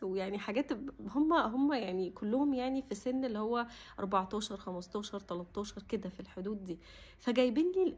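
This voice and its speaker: A young Egyptian woman with a husky, breathy voice, pitched a bit high, rushing through a personal story. She talks heartfelt and emotional, sometimes slipping into a near whisper. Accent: Egyptian Arabic. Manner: emotional, heartfelt, drops to a soft whisper at times. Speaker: vlogger. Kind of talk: casual personal talk to camera.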